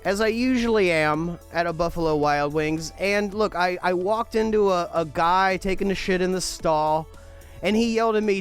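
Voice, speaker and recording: A man's voice: high-pitched, clear, resonant tone. A man co-hosting a comedy podcast, telling rambling stories with mock outrage. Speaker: podcast co-host. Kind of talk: casual comedic banter.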